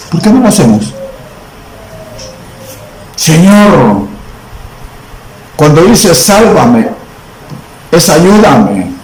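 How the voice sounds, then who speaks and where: Man, from El Salvador, preacher, sermon, slow emphatic delivery, echoey church room, faint background hum. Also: fairly high pitch, a little mellow.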